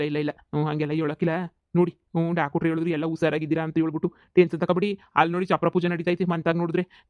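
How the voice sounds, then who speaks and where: A man's voice: on the high side, a little mellow, clear, resonant tone, no echo, lightly acted. A man voicing a poor, loyal village friend who apologizes and reassures humbly.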